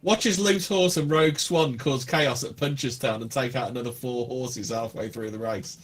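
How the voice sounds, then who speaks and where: A man's voice: medium pitch, normal speed. A man in crude casual banter, teasing the others with dry asides.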